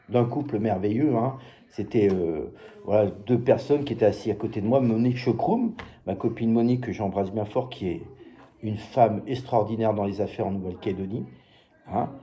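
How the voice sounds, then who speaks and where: A man telling stories about selling binoculars in a chatty, joking sales patter with lots of fillers. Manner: chatty, jokey, lively pitch with many fillers. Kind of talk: casual sales patter and storytelling.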